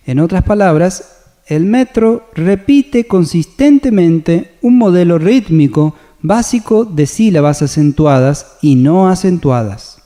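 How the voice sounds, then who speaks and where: A man presenting a church music seminar, calmly explaining hymn meter in a measured, scripted way. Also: high-pitched. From Argentina. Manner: calm, measured explanation with sung hymn examples. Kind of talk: scripted teaching on radio.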